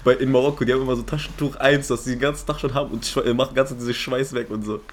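A young man chatting casually in rapid slang, often jumping in to finish his friend's words. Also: mid-range voice, steady tone, a crowd in the background. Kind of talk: casual chat.

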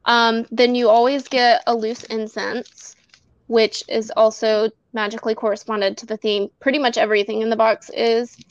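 A woman's voice: a little high, flat delivery, normal speed, no echo. A woman talking as a guest in a casual interview, rambling through her explanations with plenty of fillers. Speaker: guest, bath box maker. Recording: dull lo-fi recording.

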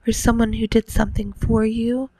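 A woman softly half-whispering a soothing bedtime story as narrator, speaking close-up, right in the ear. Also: fairly high pitch, level tone, normal speed, dry recording. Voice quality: breathy, soft.

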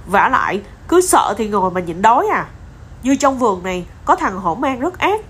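A woman's voice: a little high, big pitch swings, moderate pace, slightly rough. A woman voicing a tiny, bold toad who lectures proudly, in a storybook reading. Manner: boastful, lecturing.

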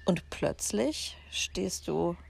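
A woman's voice: on the low side, lively intonation, very slow, vocal fry, darkish tone, slightly rough. A woman, telling personal stories for her podcast in a chatty, reflective way, recorded outdoors. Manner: chatty, reflective, with frequent fillers. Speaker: podcast host. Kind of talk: casual personal storytelling. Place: outdoors in a garden with birds and construction noise. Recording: outdoor recording with faint background noise.

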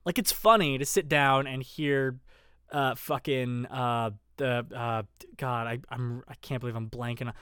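A man's voice: mid-range voice, fairly even intonation, measured pace, a bit bright, clean tone, no echo, studio quality. A man telling a rambling, profane story in casual chat, full of fillers and self-deprecating asides.

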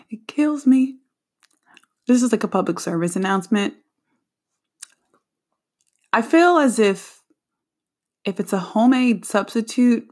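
Chatty laughing young woman host. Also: medium pitch. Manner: chatty, laughing, animated asides. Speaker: podcast host. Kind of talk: casual solo chat.

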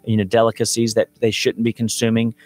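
A man's voice: mid-range voice, completely flat delivery, fairly quick, darkish tone, dry recording. A man in his thirties, a doctor guest on a radio show, explaining remedies in a chatty, laughing way. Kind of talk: casual radio chat.

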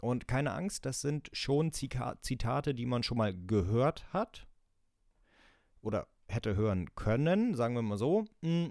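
Running a quiz on a casual podcast, this co-host reads out quotes and laughs a lot, keeping things lively. He speaks at medium pitch and an unhurried pace in a dry, studio-quality recording.

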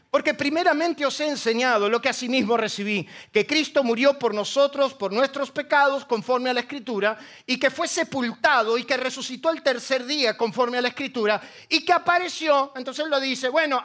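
A man's voice: very high voice, a bit bright. A middle-aged man with an Argentine Spanish accent, preaching a sermon with humor and acting out the voices in his stories. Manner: humorous storytelling, acts out voices. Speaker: pastor.

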